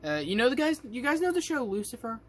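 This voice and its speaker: A man's voice: extremely high pitch, very animated, fast, a bit bright, slight background noise. Rambling man reacting casually on camera. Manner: rambling, loose, many fillers. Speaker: reaction video host.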